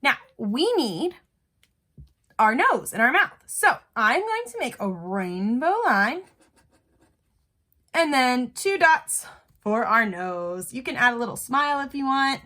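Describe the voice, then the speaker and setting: A woman walks young children through drawing step by step, like an elementary art teacher, keeping her phrases simple and encouraging. Her bright voice rises and falls widely in a sing-song way, and she never rushes.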